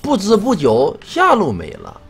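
Man, game streamer, wry and cursing, very lively pitch, faint music underneath. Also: a little slow, vocal fry, husky. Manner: animated, cursing, wry running commentary. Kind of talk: live gameplay commentary.

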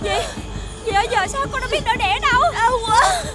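A woman's voice: very high-pitched, animated, brisk, a loud crowd. A woman voicing a panicky young village girl in a cartoon, crying out. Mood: panicked. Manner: panicky, breathless cries. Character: frantic young village girl helping at a birth.

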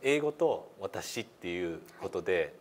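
This middle-aged man speaks unhurriedly, his low voice carrying lively intonation over a slight hiss or hum. Demonstrating a pronunciation app in a meeting room, he teaches politely, asks polite questions and hesitates a lot while explaining.

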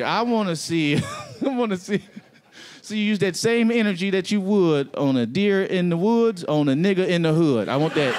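A young man doing a stand-up set on a comedy club stage, talking loud and animated into a handheld mic, swearing freely. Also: high voice.

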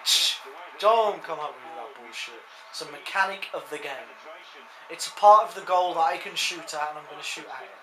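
High, lively man teasing friends. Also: normal speed. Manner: teasing, laughs often. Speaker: gamer playing football video game. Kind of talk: casual gaming banter. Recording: roomy, noisy home recording.

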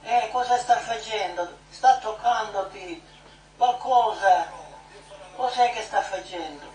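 A woman's voice: mid-range voice, takes it slowly, darkish tone, slight background noise. A woman leading a guided prayer meditation, coaxing her listener on with short repeated prompts. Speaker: prayer leader. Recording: echoey room from a distance with music.

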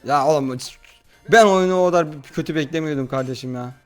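Brisk and clear, his voice sits on the high side with a resonant tone. He's a man hosting a casual let's-play with a friend, bossy as he directs and complains, and music plays behind him.

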